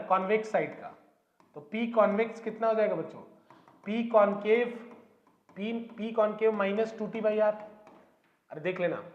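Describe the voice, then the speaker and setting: A man teaching a physics class, explaining step by step and constantly quizzing his students. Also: sits high. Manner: explains step by step, keeps asking students questions. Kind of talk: classroom lecture. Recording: echoey room, dull lo-fi sound.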